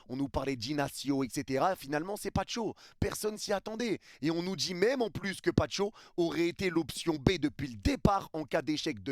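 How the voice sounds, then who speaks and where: A man's voice: mid-range voice, dry recording, studio quality. A man giving emphatic, opinionated football news commentary to his viewers, repeating his points. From France. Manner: emphatic, repetitive, addresses viewers as "les gars". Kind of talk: opinionated casual commentary to camera.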